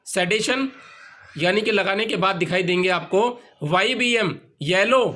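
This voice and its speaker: A man's voice: high-pitched, bright, forceful tone. A man teaching an acupressure treatment, explaining each step patiently and repeating the points. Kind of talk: instructional demonstration.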